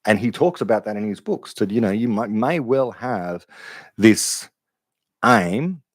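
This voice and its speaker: A man's voice: fairly low pitch, lively intonation, unhurried, dry recording. A man hosting a livestream Q&A, thinking aloud in a reflective, unscripted monologue with frequent restarts. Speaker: livestream host answering questions.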